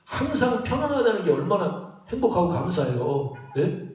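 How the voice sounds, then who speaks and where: A man preaching a sermon as pastor, animated and asking his congregation questions. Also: sits high, normal speed. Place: church sanctuary. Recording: echoey church hall, mic at a distance.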